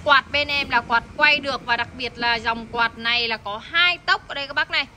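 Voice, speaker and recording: A woman hosting a live hard-sell sales pitch, insistently repeating prices and urging buyers, with noise in the background. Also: a little fast, sharp tone. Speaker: live sales host selling discount tools and gadgets. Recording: noisy background hum.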